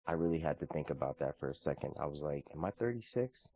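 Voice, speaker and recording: Speaking quickly in a bass voice, a vlogger in his thirties shares his morning routine and faith in a casual, earnest way. His talk is relaxed and conversational, full of restarts.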